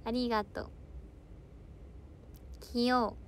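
A woman's voice: a little high, flat delivery, takes it slowly, a little hiss or hum. A young woman idol hosting a casual solo livestream, chatting playfully with viewers and reading their comments. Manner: playful, giggly, tries out foreign words and dialect phrases.

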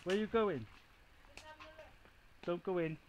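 A man's voice: sits high, slow pace. Older Welsh man, casual explorer vlog, chatty and blunt, noisy outdoor camera audio. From Wales. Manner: chatty, swearing, addresses viewers as guys. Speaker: explorer filming and talking to camera. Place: overgrown garden of a ruined cottage at night, outdoors.

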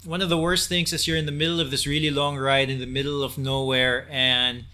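A man in his thirties talking casually to camera from a small room at home, relaxed and chatty, with fillers and restarts. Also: medium pitch, brisk. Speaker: cycling vlogger.

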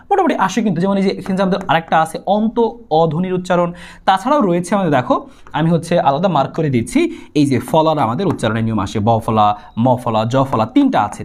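Man, young tutor, Bangladeshi Bengali accent, very fast, high voice, insistent. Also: a little mellow. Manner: rapid, insistent, repeats key points. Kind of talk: exam-prep lesson to students.

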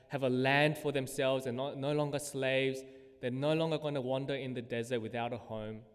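A man preaching a sermon in a conversational way, with casual fillers and quoted scripture read aloud with growing emphasis. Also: medium pitch. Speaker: pastor. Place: church hall. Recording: long hall reverb.

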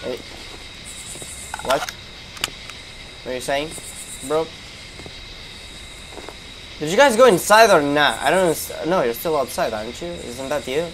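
A man's voice: fairly high pitch, expressive, a little slow, pauses often, noisy background. Young man swearing over game gunfire. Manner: swearing, reactive, talking to himself. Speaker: gamer streamer. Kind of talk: casual gameplay commentary. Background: gunshots and game ambience.

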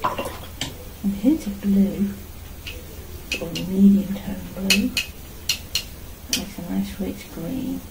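This middle-aged woman is an artist and vlogger talking casually to herself and her camera while she paints in a small indoor home studio. Her mid-range voice is very slow and pauses often. Heavy background noise fills the recording.

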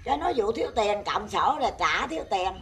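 An older woman telling stories in casual chat, animated and exclaiming often. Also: medium pitch, fairly quick. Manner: animated storyteller, laughing and exclaiming. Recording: noisy outdoor recording with animals.

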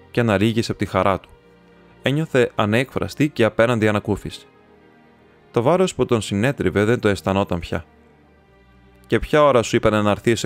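Man, low voice, audiobook reading of a classic novel, faint music behind. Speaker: audiobook reader.

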